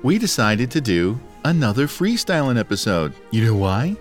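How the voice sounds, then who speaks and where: Soft background music sits under this podcast co-host, whose mid-range voice is very animated at a moderate pace. Allergies leave him sounding scratchy and dry, but he keeps the casual conversation playful, full of jokes and frequent laughter.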